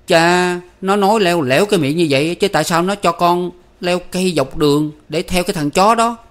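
Man doing a young son voice, higher and louder, defensive and quick to flare up. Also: expressive, close to an everyday voice. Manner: pleading, defensive. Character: young adult son, sheepish then hot-tempered.

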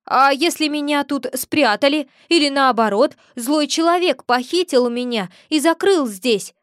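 Woman playing a courteous, scared man begging to be let out, high and whiny, dry close sound. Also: unhurried, dry recording. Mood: pleading. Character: polite, frightened young man trapped underfloor.

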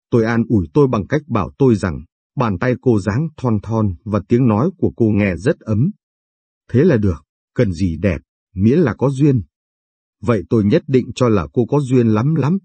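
A man narrating a late-night storybook reading in a measured, confessional way. His voice sits low and sounds husky and mellow. The recording is close and dry, with no room sound. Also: no echo. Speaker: story reader, channel host.

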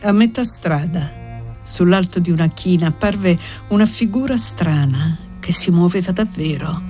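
A woman reads a classic novel aloud in a measured, expressive voice. Her pitch sits somewhat low, and faint music plays quietly beneath the narration. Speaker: audiobook reader. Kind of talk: literary audiobook narration.

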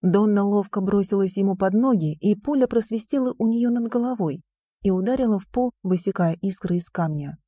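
A woman narrating a novel aloud in an even, measured reading style. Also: mid-range voice, no echo, studio quality. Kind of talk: audiobook narration.

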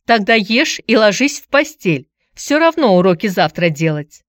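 A woman voicing a fussy, protective middle-aged aunt who talks in a shrill, quarrelsome way in an audiobook. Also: big pitch swings, normal speed, no echo, studio quality, close to an everyday voice. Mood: fretful. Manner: shrill, shouting and rattling words off.

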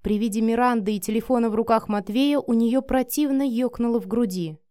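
A woman narrating an erotic audiobook in a soft, sensual, measured voice. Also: on the high side, no echo, clean studio sound. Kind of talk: reading an erotic story aloud.

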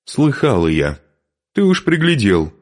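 A man voicing a sarcastic, quarrelsome Norse warrior woman who scolds and mocks in a raised, shrill voice. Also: huge pitch swings, measured pace.

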